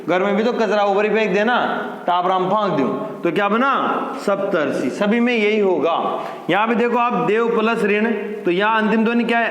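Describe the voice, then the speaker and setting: A man's voice: high-pitched, roomy sound, long reverb tail. A man teaching a grammar lesson, who asks questions and then answers them himself.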